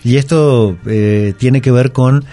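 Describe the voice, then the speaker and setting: A man appearing as a language guest on the radio, calmly explaining grammar rules step by step with examples. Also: mid-range voice, takes it slowly.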